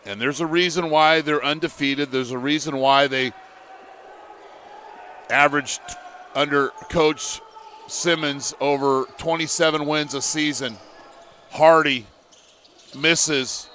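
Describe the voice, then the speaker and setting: A man calling a live college basketball game play by play, in measured, steady calls. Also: on the high side, a little hiss or hum. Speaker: play-by-play commentator.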